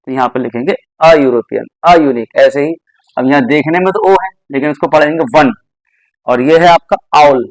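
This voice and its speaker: A man's voice: on the high side, no room sound, poor audio. A man teaching English grammar, explaining step by step and repeating examples patiently. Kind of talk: classroom grammar lesson.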